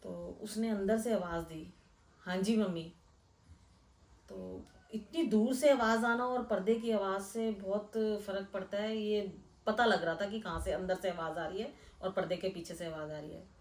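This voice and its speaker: A middle-aged woman from Delhi recounts a frightening experience from her own life. She speaks in a hushed, earnest way at a medium pitch. The room rings around her, and she sits a little back from the microphone. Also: steady tone, moderate pace, few pauses, far from the mic. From Delhi, India. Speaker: storyteller. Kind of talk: first-person recounting of a real incident. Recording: echoey room, voice a bit off-mic.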